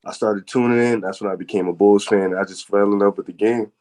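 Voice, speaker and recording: A man's voice: on the low side, fairly even intonation, brisk, darkish tone. A man from New Jersey chatting casually as a podcast guest, with slangy, profane wording. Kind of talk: casual chat.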